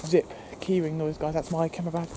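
A man's voice: on the high side, level tone, fast talker. A young British man talking casually to viewers in a nervous, jumpy way as he walks outside with a handheld camera. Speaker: vlogger. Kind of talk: casual night exploring vlog, talking to viewers. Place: outdoors walking in woods at night. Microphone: handheld camera microphone. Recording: noisy outdoor handheld camera recording.

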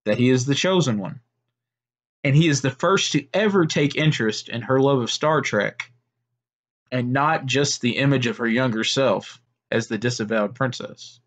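Man, storyteller, medium-pitched voice, unhurried, homemade tale. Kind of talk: told story narration.

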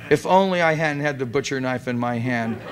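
A man giving a dramatic reading of a comic story at a gathering in a restaurant, in a deadpan, amused tone. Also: medium pitch, a little fast, heavy background noise. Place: restaurant event room.

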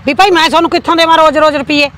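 A woman's voice: high voice, fairly even intonation, a bit bright, slight background noise. A woman with a Malwai Punjabi accent plays a scolding older village mother who needles her son about his wife. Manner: scolding, needling, quick retorts. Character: sharp-tongued older village mother-in-law. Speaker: mother in a village family drama. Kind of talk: amateur village drama acting.

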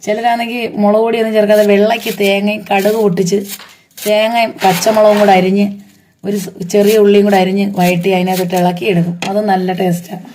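Middle-aged woman, hoarse throat, warm dark voice, chatty cooking vlog, faint background noise. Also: medium pitch, level tone, fast. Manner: chatty, homely explaining while working. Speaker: home cooking vlogger. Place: home garden and old dim kitchen.

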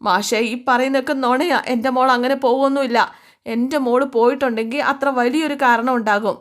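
A woman's voice: sits high, fairly even intonation, normal speed, pitched above the performer's own voice, lightly acted. A woman voicing a distraught middle-aged mother, pleading and insistent.

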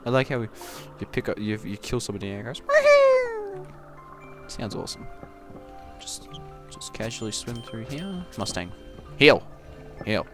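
A man's voice: fairly low pitch, normal speed. Guy doing goofy game commentary, yelps a lot, music playing under him. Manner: goofy, talks to the game, sudden loud yelps. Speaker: gaming commentator. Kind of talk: casual gameplay commentary.

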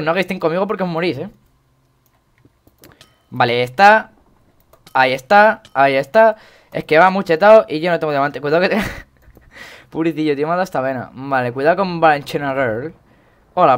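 A young man from Spain with a Spain Spanish accent, jokey and excitable, commentating his gameplay and repeating words in quick bursts. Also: fairly high pitch. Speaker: gaming YouTuber.

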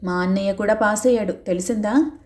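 A woman's voice: medium pitch, a little fast, darkish tone, natural voice. A woman voicing a stubborn little village girl. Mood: defiant. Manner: curt, defiant. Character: stubborn, touchy ten-year-old girl.

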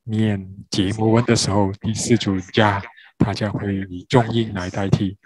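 A man interpreting a grammar lesson, spelling out syllables one by one with frequent pauses. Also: fairly low pitch, level tone, crowd noise, rough recording. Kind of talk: slow spoken lesson.

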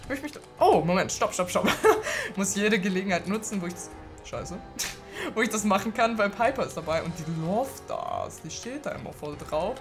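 A young woman giving casual let's play commentary, excitable, swearing and laughing a lot. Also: mid-range voice, moderate pace, over music. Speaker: gaming video host.

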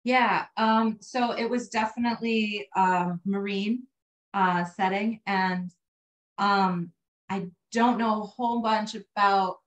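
A woman's voice: medium pitch, fairly even intonation, slow, lo-fi sound. A woman speaking as an exhibit curator on a video call, informally answering questions in a hesitant, candid way. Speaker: exhibit curator giving a talk.

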